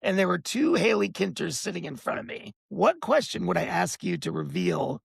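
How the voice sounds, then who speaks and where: A man's voice: sits high, huge pitch swings, normal speed, gravelly, breathy edge, no echo. A man hosting a podcast interview, effusive and enthusiastic in his reactions. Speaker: podcast host. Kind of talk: casual interview.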